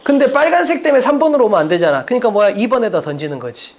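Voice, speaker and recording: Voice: mid-range voice, very animated, very fast, darkish tone. An English exam-prep teacher explaining a mock test in a lecture, firing rhetorical questions at students and drilling points with emphasis. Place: lecture room at a board.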